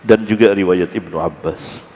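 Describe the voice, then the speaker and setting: A man's voice: low voice, moderate pace, in a large hall. A male Islamic preacher giving a religious study lecture, telling stories with chuckles and acting out quoted dialogue. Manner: lively storytelling with chuckles and animated quoted dialogue.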